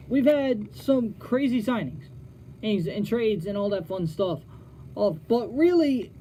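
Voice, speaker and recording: Animated young man hosting college sports radio. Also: very high-pitched, a little hiss or hum. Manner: animated, stumbling restarts, talks straight to listeners. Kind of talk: sports talk radio monologue.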